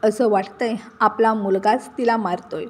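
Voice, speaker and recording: A woman's voice: medium pitch, steady tone, moderate pace, natural voice. A woman voicing a stern but loving father-in-law in his sixties, speaking firmly in a told story. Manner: firm, commanding.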